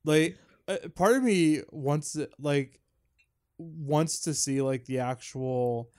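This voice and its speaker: A man's voice: on the high side, slow pace, darkish tone. A man chatting casually about a film, rambling with lots of fillers and frequent laughter. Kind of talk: casual chat.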